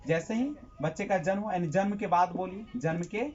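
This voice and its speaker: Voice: mid-range voice, fairly quick, a little mellow, lo-fi sound. A teacher giving a classroom lecture who asks the class questions, answers them himself and repeats key terms.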